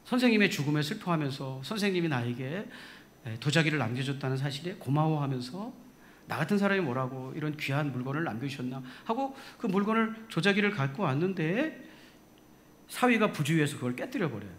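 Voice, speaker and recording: Lively man preaching a sermon. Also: a little high, brisk, a little hiss or hum. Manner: animated storytelling with laughter. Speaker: pastor. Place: church sanctuary.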